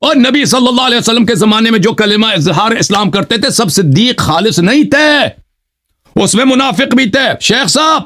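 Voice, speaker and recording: A man hosting a heated live religious debate, insistent and combative, who keeps pressing his opponent for answers and recites scripture slowly between quicker arguments. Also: very high-pitched, pushed and bright. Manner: cites scripture slowly, then speeds up to argue. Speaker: debater and channel host.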